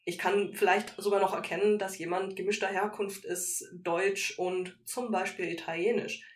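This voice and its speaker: A woman's voice: mid-range voice, fairly even intonation, normal speed. Woman from Germany, echoey room. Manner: earnest, tells personal anecdotes. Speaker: podcast co-host. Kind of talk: casual conversational podcast.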